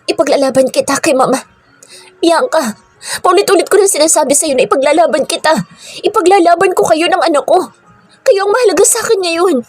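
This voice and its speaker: A woman voicing a devoted young man who soothes his lover in soft, murmured pleas. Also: very high voice, a little fast, faint music behind, voice pushed up. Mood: tender pleading.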